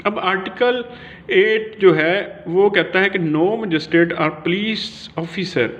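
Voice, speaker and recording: This high-pitched, fairly bright-toned man speaks with a Pakistani accent while giving a casual explanatory lecture on law. He stumbles and repeats himself, uses English legal terms, and the recording sounds dull and lo-fi.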